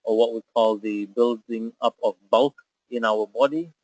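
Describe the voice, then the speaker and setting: A man's voice: mid-range voice, fairly even intonation, moderate pace, no echo, lo-fi sound. Man giving a dry, step-by-step webinar talk. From Zambia. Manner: explanatory, step-by-step, frequent "uh" fillers. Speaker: webinar presenter on nutrition. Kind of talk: webinar lecture.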